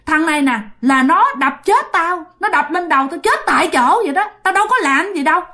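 A woman's voice: extremely high pitch, lively intonation, brisk, sharp tone, slight background noise, pitched above the performer's own voice, heavily acted. A woman with a Southern Vietnamese accent voicing a vengeful snake spirit that has possessed a young man, insisting shrilly that it did nothing wrong. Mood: aggrieved.

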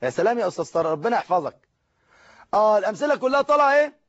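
A man's voice: sits high, sing-song, rapid-fire, lo-fi sound. A man with an Egyptian Arabic accent teaching a live online grammar lesson, explaining step by step and asking and answering his own questions.

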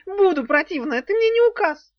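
A man's voice: very high voice, big pitch swings, normal speed, no room sound, voice pushed up. A man voicing a hysterical male demon turned into a giant caterpillar, squealing and wailing in a dull, dry recording. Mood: panicked squeal.

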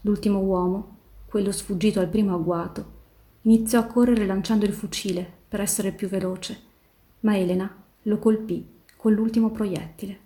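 A woman reading a novel aloud in a steady, measured way, slowing down on the tense passages. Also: medium pitch. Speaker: volunteer reader in a reading marathon. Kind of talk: literary read-aloud narration.

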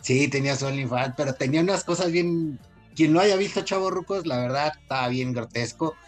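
A man's voice: fairly high pitch, fairly quick, faint music behind. A man with a Mexican accent co-hosting a radio show in informal, slangy casual chat.

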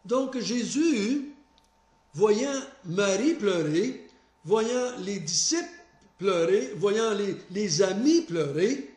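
High-voiced man teaching scripture. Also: lively intonation, very slow, a little mellow, reverberant. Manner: explanatory and earnest, stressing key points. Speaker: Bible study teacher. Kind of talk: Bible study teaching with scripture reading.

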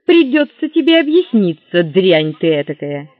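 A brawny, jealous man, voiced by a man, growls threats with a lively, swinging voice. The sound is dry and thin, squeezed like a phone line. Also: sits high, moderate pace, no echo. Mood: menacing. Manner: gruff, threatening. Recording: dry, tinny narrow-band audio.

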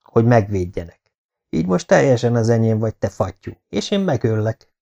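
A man's voice: mid-range voice, sing-song, gravelly, dark tone, highs cut off. A sneering, bitter Saxon lord, read by a man. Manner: sneering and defiant.

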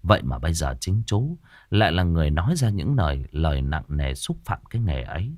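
A man narrating a ghost story audiobook with dramatic, expressive storytelling. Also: low-pitched, fairly quick, no echo, clean studio sound.

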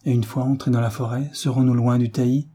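A man's voice: medium pitch, flat delivery, quick pace, dark tone, slightly rough, natural voice. A man reading the part of a frightened young mother, speaking with anxious urgency.

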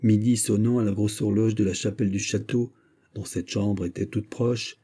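Husky, dark-voiced male audiobook narrator. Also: on the low side. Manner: measured, steady literary reading. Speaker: audiobook reader. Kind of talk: scripted narration of a literary story.

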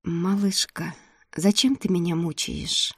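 A woman's voice: medium pitch, takes it slowly, darkish tone, no echo, clean studio sound. Woman reading as a moody lovesick prince. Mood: moaning.

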